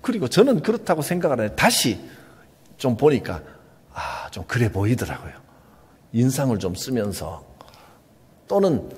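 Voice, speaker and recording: A male pastor with a Gyeongsang Korean accent, preaching an earnest, emphatic sermon with soft asides. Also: medium pitch, slightly rough, long reverb tail. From Gyeongsang region, Korea.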